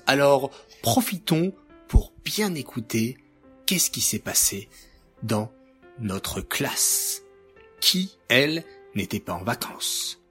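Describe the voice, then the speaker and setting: A man telling a story to children in a gentle, clearly enunciated, slow reading voice. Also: mid-range voice.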